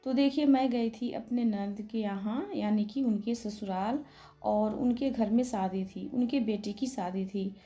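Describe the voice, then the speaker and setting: A hoarse woman with a Bihari Hindi accent, narrating a casual vlog slowly and softly to spare her sore throat. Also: mid-range voice. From Bihar, India. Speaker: vlogger.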